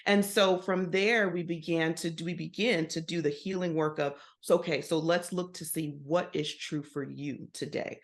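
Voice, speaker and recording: A woman's voice: lowish voice, fairly even intonation, moderate pace, hardly any pauses. A woman guest on a podcast interview, a coach who explains her method by telling client stories and acting out the dialogue. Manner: storytelling, acts out client dialogue. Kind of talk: conversational interview.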